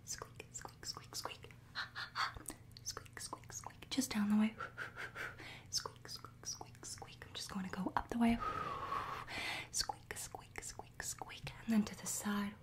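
A woman in her twenties doing fast ASMR in a breathy whisper, a whispered role-play with rapid repeated trigger words and soft instructions, close to the mic. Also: mid-range voice, little pitch movement. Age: 20s. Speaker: ASMR creator. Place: small bedroom, indoors.

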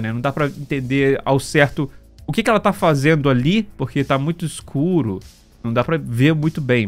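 A Brazilian man giving casual, slangy gaming news commentary, often checking in with short tag questions. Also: mid-range voice. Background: background music.

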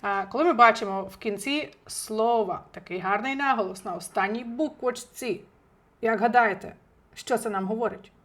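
A woman teaching an online language lesson from home, chatty and lively, talking straight to her viewers, a little under the weather. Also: on the high side, normal speed. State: recovering from illness, clears throat. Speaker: Italian teacher. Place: home, indoors.

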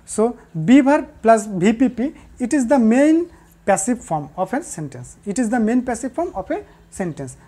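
A woman teaching a class, repeating the key answers and pausing with fillers. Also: on the high side, big pitch swings, warm tone. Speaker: English teacher. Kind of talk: recorded classroom lesson.

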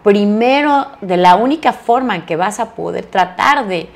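Woman from mexico chatting in an interview, middle-aged, gets animated telling stories. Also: mid-range voice, moderate pace. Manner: animated storyteller, acts out quoted lines. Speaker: actress, interview guest. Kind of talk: casual interview chat.

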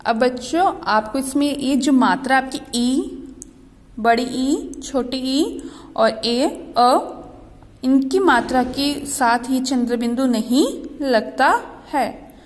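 A woman teaching young children Hindi, reading words slowly and asking them to repeat after her. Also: sits high, expressive, long reverb tail. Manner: slow, drawn-out word-by-word reading with repeated questions. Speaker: primary school Hindi teacher.

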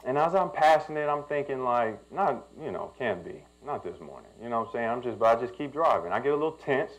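A man's voice: mid-range voice, sing-song, fast talker, poor audio. A young man, a pastor telling a personal story in a sermon and building to emphatic preaching.

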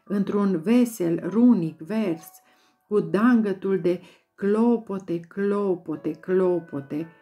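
A woman giving a dramatic, rhythmic poetry recitation, chanting repeated words in an incantatory way. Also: mid-range voice. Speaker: volunteer poetry reader. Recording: soft music bed behind voice.

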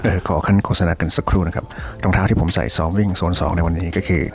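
A man's voice: deep voice, fairly even intonation, rapid-fire, darkish tone. A man presenting a sponsor spot in a casual ad-read style. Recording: background music under voice.

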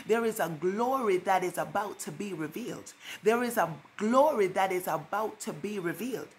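A woman's voice: medium pitch, a little hiss or hum. Fervent woman preaching with emphatic repetition. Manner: fervent, repeats phrases for emphasis. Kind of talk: sermon.

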